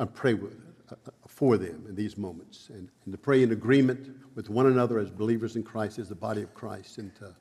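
In a church sanctuary with long hall reverb, a preacher with a low, darkish voice gives announcements and leads a prayer. He stutters, with many repeats and fillers.

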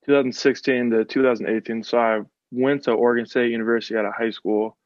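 Flat-voiced young male coach. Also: medium pitch, quick pace, dry recording. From West Coast of the United States. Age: 20s. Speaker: football coach. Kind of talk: interview answers. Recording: slightly dull, lo-fi sound.

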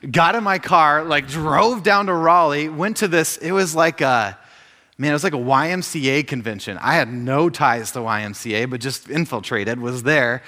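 A man in his thirties giving an informal faith talk, telling stories with jokes and quick asides. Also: medium pitch, sharp tone, big-room sound. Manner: joking, storytelling, lots of asides. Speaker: speaker at a faith gathering.

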